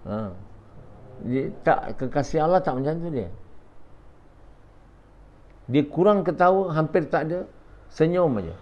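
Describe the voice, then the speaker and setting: A man's voice: a little high, lively intonation, unhurried, long pauses, a little mellow. A man giving an after-dawn religious lecture, often asking the audience questions and dropping in short "ha" interjections. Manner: peppers speech with short "ha" interjections. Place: a house in a residential area. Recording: dull lo-fi recording.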